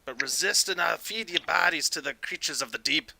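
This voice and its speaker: A man voicing a menacing dragonborn pirate captain with a deep, raspy voice, in a tabletop game. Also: very animated, slow pace, crowd noise, heavily acted. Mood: threatening.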